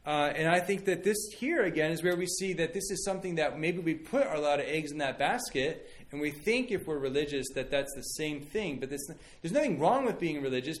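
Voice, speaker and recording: A man in his thirties, a pastor giving a conversational sermon and telling stories with many fillers and restarts. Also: fairly high pitch.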